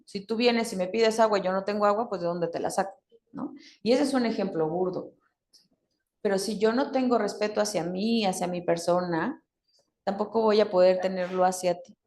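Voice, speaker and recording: Workshop speaker: woman, mid-pitched, talking to a room full of people, roomy sound. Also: normal speed, a little mellow, a little hiss or hum. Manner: asks the group questions, demonstrates tones of voice. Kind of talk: interactive talk to a group. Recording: echoey room.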